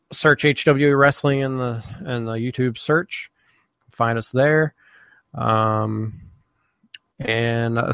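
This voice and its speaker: A man hosting a live podcast in casual chat, halting with many fillers and restarts. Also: mid-range voice, a bit bright, clear, resonant tone, dry recording. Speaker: podcast host.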